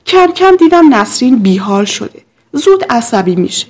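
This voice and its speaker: Woman telling a first-person story. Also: a little high. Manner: confessional, steady storytelling.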